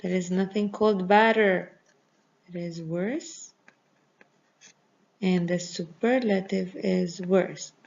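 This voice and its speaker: A woman's voice: on the low side, slow, gravelly, pauses often, a little mellow. A woman teacher reviewing grammar for her students, explaining patiently and repeating reminders. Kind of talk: recorded grammar review lesson. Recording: dull lo-fi recording.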